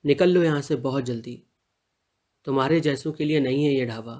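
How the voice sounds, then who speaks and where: A man's voice: medium pitch, fairly quick, darkish tone, lightly acted. A man reading the part of a hostile male roadside eatery owner in an audio story, curt and dismissive.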